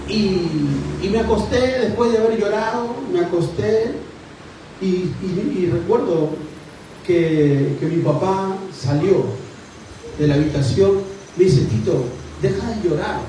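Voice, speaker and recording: A man preaching a sermon as pastor, from Argentina, telling stories in an animated, emphatic way. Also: high-pitched, takes it slowly, slight background noise. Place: church. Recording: echoey church hall, mic at a distance.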